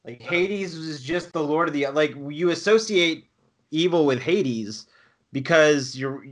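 A man's voice: a little high, animated, measured pace. A man in casual chat, rambling as he explains, with lots of restarts and fillers.

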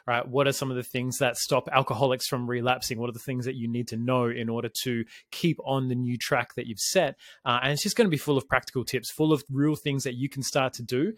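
Emphatic, mid-pitched man. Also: dry recording, clean studio sound. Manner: energetic, emphatic, swears casually, tags points with "right?". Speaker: podcast co-host. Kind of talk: casual podcast chat.

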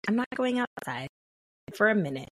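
A woman co-hosting a podcast in casual chat, animated and playful, often laughing. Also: medium pitch, moderate pace. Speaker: podcast co-host.

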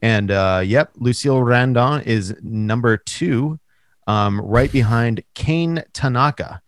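A man's voice: medium pitch, slow, no room sound, clean studio sound. A man co-hosting a comedy podcast, chatting casually and rambling with many hesitations and fillers. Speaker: podcast co-host.

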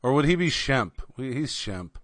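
A man's voice: mid-range voice, big pitch swings, a bit bright, no echo. A man hosting a casual comedy podcast, introducing his co-hosts and teasing them. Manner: joking, drawn-out and teasing. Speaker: podcast host. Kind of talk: casual chat.

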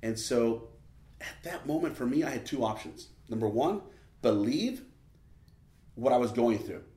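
A man's voice: mid-range voice, animated, a little slow, dark tone. Emphatic man telling a story in a roomy space. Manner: emphatic, often adds "man". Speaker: motivational speaker. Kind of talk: personal storytelling speech. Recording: roomy echo.

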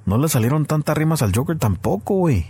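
A man's voice: fairly high pitch, very animated, quick pace, dark tone, breathy edge, no echo. A man telling a crude, slang-heavy story as a podcast host. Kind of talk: casual storytelling chat.

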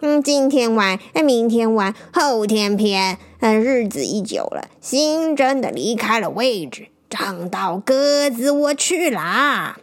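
A woman puts on a wise old seafaring man from a storybook. He talks at an unhurried, drawn-out pace, with little chuckles. His voice sits fairly high for an old man. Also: expressive. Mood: knowing. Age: older. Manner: slow, drawn-out, chuckling explanations. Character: old male sailor, wise and good-humored storyteller.

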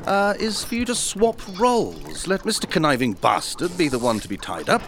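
Comedy sketch villain: male actor as retired evil baron, theatrical and courteous, bright tone, very animated pitch. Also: normal speed, vocal fry, exaggerated voice. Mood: polite, conciliatory. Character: smooth-talking retired supervillain baron turned union rep, secretly evil. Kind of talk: audio comedy sketch acting.

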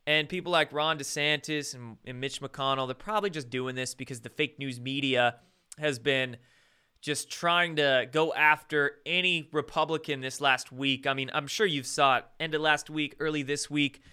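A man's voice: on the high side, steady tone, normal speed, sharp tone, smooth. A male host doing live-stream commentary, ranting with sarcasm and frequent swearing.

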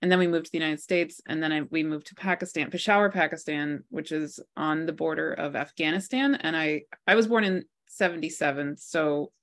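A woman's voice: deep voice, fairly quick, few pauses, fairly bright tone. A woman in her forties, a guest author and healer, telling her life story in a reflective, candid way. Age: 40s. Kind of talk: interview.

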